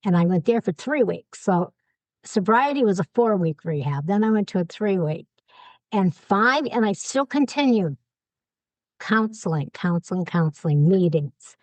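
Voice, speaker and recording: A woman appears as a podcast guest, candidly telling her recovery story in a lively way and acting out the dialogue she quotes. Her voice is medium-pitched at a moderate pace, with no room sound but poor audio quality.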